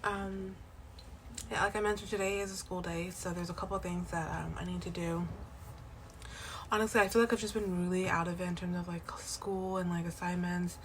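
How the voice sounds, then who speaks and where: A young woman vlogging at home in a casual, rambling way, full of fillers and restarts, her voice still raspy from the morning. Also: fairly low pitch, little pitch movement, brisk, a little hiss or hum, rough recording. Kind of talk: casual vlog chat. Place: at home, indoors.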